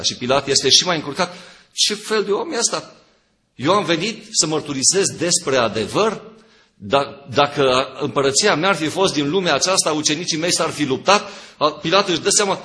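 Expressive man preaching a sermon. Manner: expressive, swings from loud emphasis to low quiet. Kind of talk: sermon, Bible exposition.

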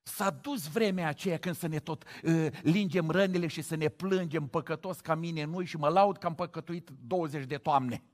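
A middle-aged man from Romania preaching a sermon, moving from quiet reflection to loud exclamations. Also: a little high, hardly any pauses. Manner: animated, swings from hushed to loud exclamations.

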